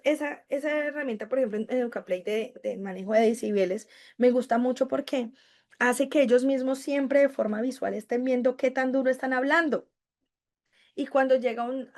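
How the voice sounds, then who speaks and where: Woman teaching an online class. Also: fairly high pitch. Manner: conversational, explaining with examples, frequent restarts. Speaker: university teaching instructor. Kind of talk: live online class lecture.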